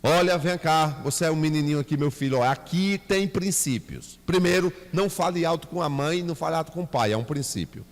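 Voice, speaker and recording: This church teacher, a man with a Bahian Portuguese accent, speaks brisk and fairly high with hardly any pauses while leading a Bible class in a reverberant church hall. He's lively, quizzes the class, and acts out little scenes with his son.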